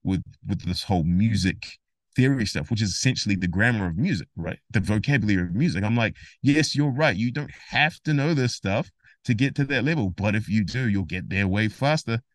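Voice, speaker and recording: A man guest on a casual interview podcast, explaining music theory in an animated, emphatic way and acting out imagined conversations. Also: on the low side, a little fast, dry recording, clean studio sound.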